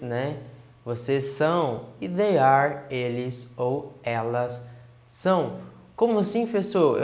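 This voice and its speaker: Slow-paced male english teacher, echoey room. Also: mid-range voice. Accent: São Paulo interior. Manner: patient, drills words slowly and repeats them. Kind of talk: beginner English lesson.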